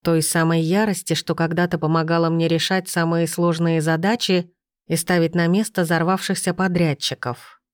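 A woman narrating a first-person novel in an even, expressive reading on a close mic. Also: fairly low pitch, normal speed, clear, resonant tone, no echo. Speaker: audiobook narrator.

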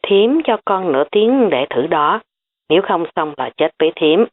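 A woman's voice: lowish voice, lively intonation, normal speed. A woman voicing a domineering middle-aged aunt who gives orders and scolds. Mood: bossy. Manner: commanding, scolding. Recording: tinny phone-like audio.

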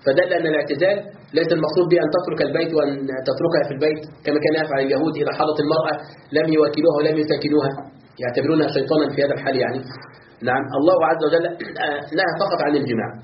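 Fast-talking sheikh teaching a class. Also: male voice, fairly high pitch, steady tone. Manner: quick, asks students questions and answers himself; recites verses, repeats words to drill them. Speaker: sheikh teaching Quran commentary. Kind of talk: classroom lesson explaining a text. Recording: dull, echoey room with faint hiss.

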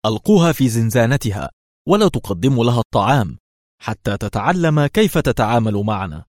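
A man's voice: mid-range voice, sing-song, fast talker, no room sound, studio quality. Man doing a sneering corrupt inspector. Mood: angry. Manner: sneering, sharp. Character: corrupt, hot-tempered male police inspector.

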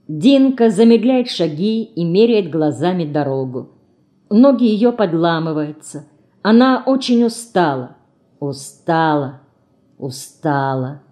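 A woman narrates an audiobook with expressive, emotional storytelling. Her voice is warm and mellow, at a mid pitch. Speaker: audiobook reader. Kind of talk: scripted narration.

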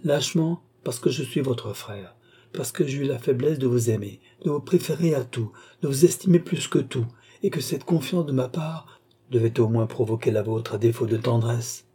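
A man's voice: mid-range voice, moderate pace, warm tone, breathy edge. A man voicing a wrathful young nobleman defending his honor. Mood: accusing. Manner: declamatory, wrathful then imploring. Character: furious, honor-bound young nobleman, brother.

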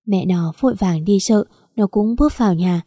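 A woman giving a steady, emotive scripted narration of a family story. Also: mid-range voice, normal speed, no room sound, clean studio sound.

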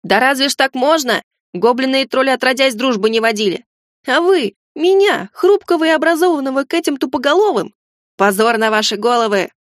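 A woman's voice: fairly high pitch, a little fast, dry recording, clean studio sound, lightly acted. A woman reading an audiobook, voicing a chatty, nervous male goblin servant who is undead and talks in a rambling, folksy way. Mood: indignant.

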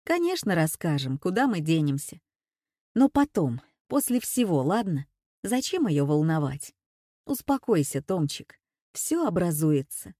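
A woman's voice: on the low side, very animated, a little slow, warm tone, no echo, clean studio sound. Older woman, strong-willed sister, blunt and self-assured, read by a woman. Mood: soothing.

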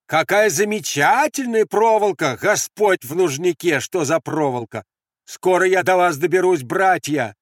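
A man voicing a desperate male guerrilla messenger who shouts and pleads to be let through. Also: fairly high pitch, expressive, normal speed, dry recording, clean studio sound, voice pushed up. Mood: frantic. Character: frantic male guerrilla messenger crossing lines.

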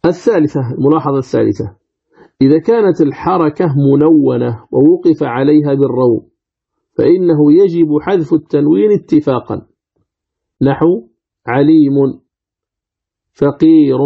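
A man's voice: on the high side, lively intonation, normal speed, gravelly, long pauses, breathy edge. A man teaching Quranic recitation rules, asking questions and answering them himself while demonstrating pronunciations aloud. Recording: tinny phone-like audio.

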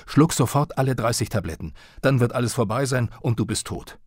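A man's voice: mid-range voice, animated, a little fast, a little mellow, husky, dry recording, clean studio sound, voice pushed up. A man voicing an enraged father who screams hysterically at his young son. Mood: screaming. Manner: shrieking, hysterical, threatening.

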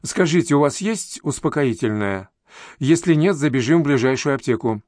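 A kindly middle-aged doctor reassuring a stranger in a soothing, unhurried voice, as a male reader voices him. His voice sits in a middle pitch and sounds dry and close in an audiobook reading. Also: animated, darkish tone, dry recording, close to an everyday voice.

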